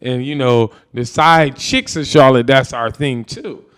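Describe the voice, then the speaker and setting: A young man co-hosting a podcast, telling loud, animated stories in casual banter and swearing freely. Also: mid-range voice, a little slow, smooth, no echo. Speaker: podcast co-host.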